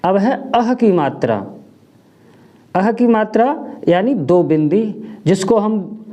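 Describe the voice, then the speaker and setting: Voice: medium pitch, lively intonation, slow, mellow. A teacher giving a step-by-step reading lesson, patiently sounding out each syllable and answering their own questions. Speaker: Hindi teacher.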